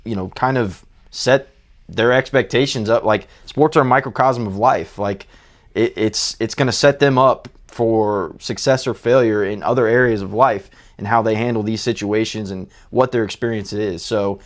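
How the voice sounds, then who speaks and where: Earnest low-voiced male basketball coach. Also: moderate pace. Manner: earnest, lots of fillers and restarts. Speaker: high school basketball coach. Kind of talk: interview answers.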